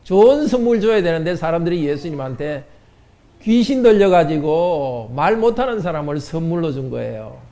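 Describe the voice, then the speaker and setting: A man's voice: a little high, sing-song, moderate pace, dark tone. A man pastor giving a children's sermon in church, asking the children questions and answering them. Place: church sanctuary.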